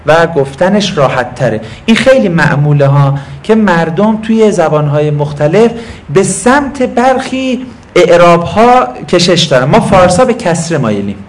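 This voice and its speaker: High-voiced man teaching a lecture class. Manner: explains patiently, asks and answers own questions; talks to students present. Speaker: religious teacher.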